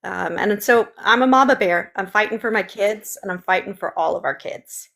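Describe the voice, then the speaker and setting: A state legislative candidate from Memphis, Tennessee, answers interview questions earnestly in a Southern accent, with lots of ums and long run-on sentences. Her voice is medium-pitched and fairly bright, with vocal fry, at a moderate pace.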